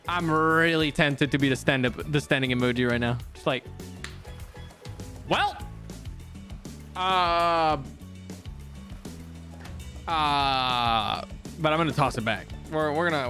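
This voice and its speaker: A man's voice: fairly high pitch, a little slow, pauses often, sharp tone. A man streaming a game, switching between casual, sweary commentary and dramatic read-aloud narration. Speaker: streamer playing and voice-acting a game. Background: background music.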